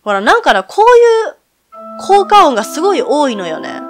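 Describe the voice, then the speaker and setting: A woman with a Kansai accent chats casually as she plays a game, speaking in a fairly high voice and musing aloud to herself. Organ music plays clearly underneath. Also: sing-song, fairly quick. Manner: chatty, talks to herself, laughs easily. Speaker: game streamer. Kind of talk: casual let's-play commentary.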